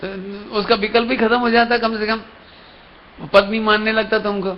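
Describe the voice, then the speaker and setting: A man's voice: high-pitched, level tone, moderate pace. A man preaching a Jain sermon, telling a story and acting out the characters' lines, asking his listeners questions. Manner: storytelling, acts out characters' dialogue, asks the audience questions. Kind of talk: sermon with acted story voices. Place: lecture hall at a religious camp. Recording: dull live stream audio with faint hiss.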